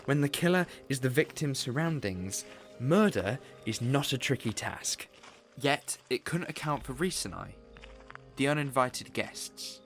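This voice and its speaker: A man playing the Doctor, an eccentric alien time traveler in an audio drama who talks quickly and theatrically and loves a grand explanation. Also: medium pitch, animated, a bit bright, soft background music. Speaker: lead character. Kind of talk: fan audio drama acting.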